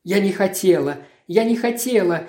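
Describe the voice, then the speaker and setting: A woman voicing a distraught young wife who sobs and cries out in shrill, pleading bursts. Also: animated, normal speed, dark tone, lightly acted. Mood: sobbing. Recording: roomy echo.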